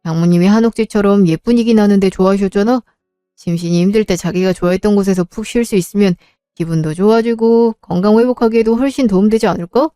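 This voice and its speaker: Woman as earnest kind husband, warm low-key delivery, audio drama. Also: fast talker, clean tone, no echo, clean studio sound, faint music behind, close to an everyday voice. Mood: tender. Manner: soft, reassuring, earnest. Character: devoted young husband, gentle and apologetic. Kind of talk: Korean audio drama acting.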